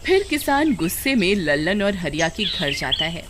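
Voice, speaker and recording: A woman's voice: fairly low pitch, big pitch swings, normal speed, fairly bright tone, a little hiss or hum. A woman narrating a scripted children's moral story as the storyteller.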